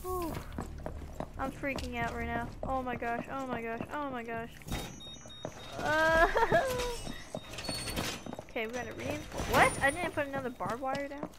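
Young female gamer host, high and unhurried, excitable live play-by-play over noisy game audio. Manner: excitable, keeps gasping oh my god. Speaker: gaming channel host. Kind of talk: live gameplay commentary.

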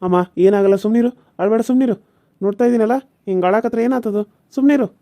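A man voicing a calm, businesslike village doctor who reassures matter-of-factly, with a North Karnataka Kannada accent. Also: high-pitched, quick pace, dry recording. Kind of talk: cartoon voice acting.

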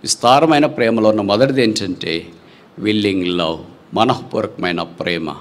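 A man preaching a sermon with big swings between loud, high passages and soft, low ones, asking rhetorical questions and dropping English phrases into his talk. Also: normal speed.

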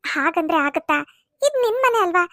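A woman voicing a calm elder sister-in-law in a cartoon serial, gently lecturing a younger bride. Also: extremely high pitch, fairly quick, no room sound, clean studio sound, pitched below the performer's own voice. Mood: advising. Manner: soothing, lecturing.

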